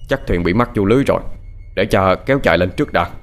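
A man voicing a poor middle-aged fisherman father who talks softly and reassuringly to his daughter in a told ghost story. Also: low voice, lively intonation, fast talker, soft background music.

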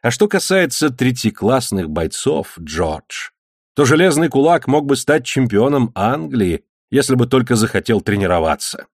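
A man voicing a timid, anxious male ship's skipper with a plaintive, drawn-out manner. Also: mid-range voice, very animated, no echo, clean studio sound. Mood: earnest. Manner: plaintive, slow.

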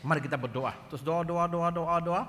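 Pastor, male, high bright voice, lively storytelling sermon, church hall echo. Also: fairly quick. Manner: animated, acts out dialogue in quoted voices.

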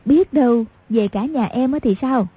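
A man voicing a gentle, kind-hearted young wife in a breathy falsetto, on an audiobook for radio. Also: normal speed, full character voice. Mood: teasing. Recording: lo-fi radio recording.

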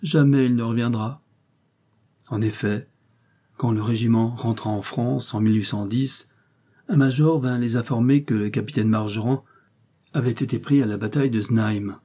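A man reading a short story aloud in a measured narrating manner, raising his voice for the characters' lines. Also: fairly even intonation, warm tone. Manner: measured, voicing characters' lines with raised pitch.

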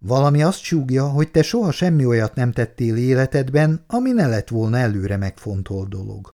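A man's voice: medium pitch, sing-song, mellow. A man voicing a playful, teasing young woman in an audiobook.

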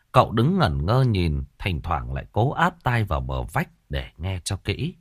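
Husky man narrating a ghost story. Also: sits low, no echo, studio quality. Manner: expressive, suspenseful storytelling.

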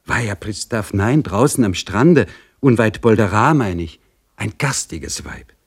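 A man's voice: on the low side, animated, measured pace, husky, no echo, studio quality, pitched above the performer's own voice, exaggerated voice. A man reading aloud voices a frightened young maidservant in an anxious, pleading way. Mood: eager.

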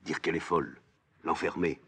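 A man reading a play aloud, voicing a solemn chorus that urges the king in a hushed, imploring tone. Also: very deep voice, steady tone, moderate pace, slightly rough, full character voice. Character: solemn chorus, voice of the city elders.

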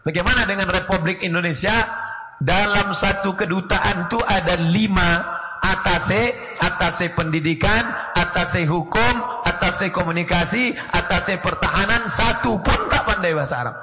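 A man preaching a sermon in a mosque, telling lively stories with jokes and quoted foreign phrases. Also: high voice, normal speed, loud music behind the voice. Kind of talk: sermon to a congregation. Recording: dull lo-fi recording with clear background noise.

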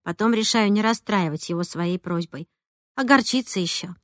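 A woman narrating a first-person audiobook in a lively, conversational way. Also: medium pitch, normal speed, no room sound, studio quality. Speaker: audiobook reader.

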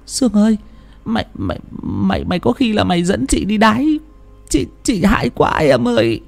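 A man's voice: high-pitched, animated, fairly quick, warm tone, dry recording, faint music behind, voice pushed up. A man voicing a frightened older village woman who stammers in panic. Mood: terrified.

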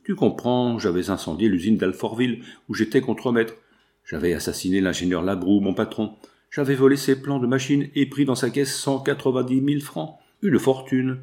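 A man's voice: medium pitch, normal speed, darkish tone, natural voice. A man voicing a drugged, crazed male murderer who boasts feverishly of his crimes. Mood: wild boast. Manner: feverish, boastful, laughing strangely.

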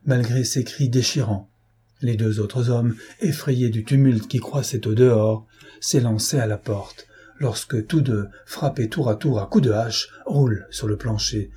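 A man reads a classic novel aloud in a measured, expressive way. His voice is dark and mellow with a very husky, rough grain. The reading is steady and dramatic. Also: medium pitch. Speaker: audiobook narrator.

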